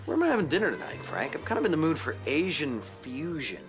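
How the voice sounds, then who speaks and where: An actor playing a vain, touchy man forced into escort work, who gets shrill and indignant. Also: big pitch swings, fast, music in the background. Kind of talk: sitcom acting.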